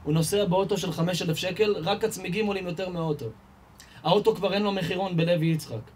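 A rabbi preaches to a live audience in a voice pitched a little above the usual male range, rising and pushing louder as his stories build. He keeps up a running stream of questions that he answers himself. Faint background noise sits under his voice. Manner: animated storyteller, asks and answers his own questions, rises in pitch and volume. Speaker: rabbi giving a Torah lesson. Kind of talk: lively sermon with stories and rhetorical questions. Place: live event hall before an audience.

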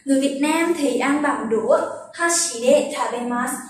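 High-voiced woman teaching in an echoey room. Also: a little hiss or hum. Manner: explains patiently, repeats words slowly to show pitch accent. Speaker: Japanese language teacher. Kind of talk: vocabulary lesson. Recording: very echoey room, distant from the mic.

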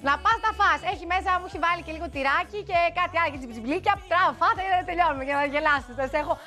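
Bright high-voiced woman TV host. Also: faint music behind. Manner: playful teasing banter with crew. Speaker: TV show host. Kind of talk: lively studio chat to camera. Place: TV studio.

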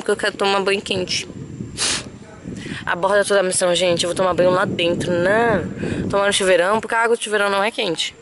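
A young man with a Brazilian Portuguese accent chatting dramatically in a casual vlog, sniffling from allergies as he films outdoors by a pool at night on a handheld camera. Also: high voice. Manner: chatty and dramatic, exclaiming often. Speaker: vlogger. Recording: noisy outdoor camera audio.

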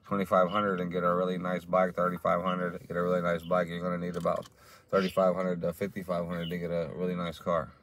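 Low guy in his 30s, laid back, rambly, car chat, bit of background hiss. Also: quick pace. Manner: relaxed, rambling, drawling with lots of fillers. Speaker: vlogger. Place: inside a parked car. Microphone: phone camera on the dashboard.

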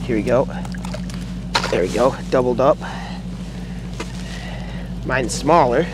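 A young man chatting excitedly while ice fishing outdoors on a frozen lake, picked up by a camera mic on the ice. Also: medium pitch, takes it slowly, background noise. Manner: excited, chatty, explains his tackle. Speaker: fishing vlogger. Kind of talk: casual outdoor commentary.

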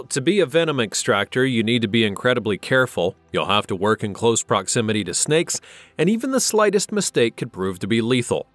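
A man narrating a scripted wildlife countdown, steady with dramatic emphasis, over faint music. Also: mid-range voice, dry recording. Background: faint background music.

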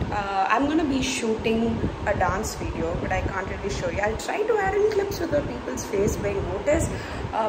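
A young woman chatting casually to the camera in a vlog, rambling a little and correcting herself as she goes. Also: mid-range voice. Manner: chatty and meandering, self-correcting. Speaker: vlogger. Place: room at home, indoors. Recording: noisy home recording. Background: clear background noise.

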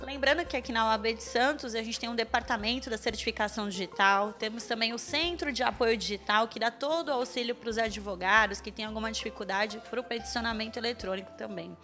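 A woman's voice: a little high, quick pace, hardly any pauses, bright, forceful tone, faint music behind. A young woman interviewing a lawyer in a small office, asking polite, formal questions. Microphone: handheld interview mic.

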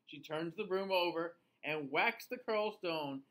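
A man's voice: a little high, a little slow, fairly bright tone, poor audio. A man in his thirties talking like a kids show host, reading a picture book aloud in an exaggerated sing-song way for young children. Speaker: children's storytime reader. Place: small indoor room, seated facing the camera.

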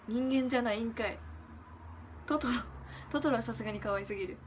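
A young woman with a slightly high voice chats casually on a livestream and reads out viewer comments. She chirps her thanks brightly, then lets her phrases trail off into soft, quiet murmurs. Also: moderate pace, slight background noise. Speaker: idol livestreamer.

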